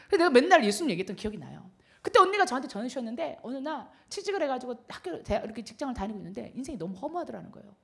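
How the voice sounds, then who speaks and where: A middle-aged woman missionary preaching to a congregation, her voice high and swooping widely as she acts out conversations. She talks quickly and laughs often between her lines. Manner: animated storytelling, acts out dialogue, laughs often. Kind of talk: sermon with storytelling.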